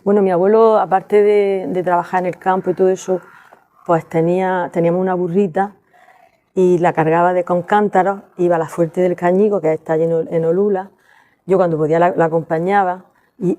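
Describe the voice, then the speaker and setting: An older woman with a lilt tells personal memories to a listening group. Her voice is low and mellow, and she speaks haltingly, stopping often to restart a phrase. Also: fairly even intonation, highs cut off. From Spain. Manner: halting, with many restarts and fillers. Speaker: storyteller at a library event. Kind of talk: personal storytelling to an audience.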